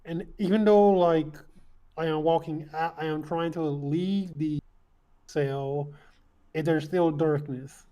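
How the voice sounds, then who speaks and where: A man talks casually through his moves as a player in a tabletop game. His voice is somewhat high, with a dark, mellow tone. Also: fairly even intonation, slow pace.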